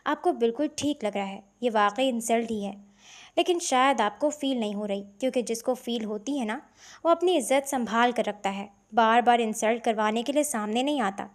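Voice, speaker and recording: Stern, scornful devout young woman in a novel reading, read by a woman; sharp and cold. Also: on the high side, close to an everyday voice.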